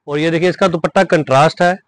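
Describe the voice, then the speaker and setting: Male seller, slightly high voice, dry close sound. Pushy, repetitive teleshopping delivery. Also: steady tone, fast, no room sound. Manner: insistent selling, repeating prices and urging orders. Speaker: wholesale ladies' suit seller presenting stock. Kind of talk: teleshopping-style product sales pitch.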